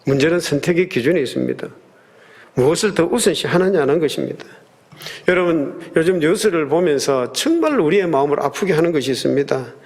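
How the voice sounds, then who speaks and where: Earnest storytelling pastor, higher voice. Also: male voice, expressive, brisk, a little mellow. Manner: storytelling with acted quotes, earnest and emphatic. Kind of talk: sermon. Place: church sanctuary.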